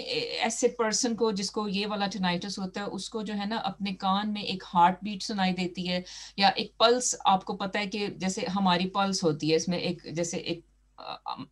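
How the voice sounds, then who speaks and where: A woman doctor explaining a health topic in a chatty way, with many fillers and restarts. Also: mid-range voice.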